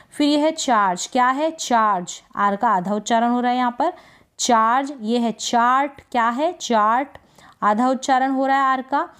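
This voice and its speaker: Patient woman teaching English reading. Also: on the high side. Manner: drills words slowly, asks and answers her own questions. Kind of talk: spelling and pronunciation lesson.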